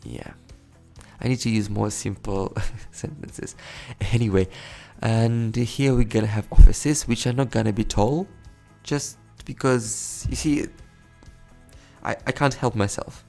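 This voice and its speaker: With a gravelly, lowish, darkish voice and a measured delivery, a young let's play host chats his way through a city-building game. He rambles, corrects himself, and laughs often, all over quiet music.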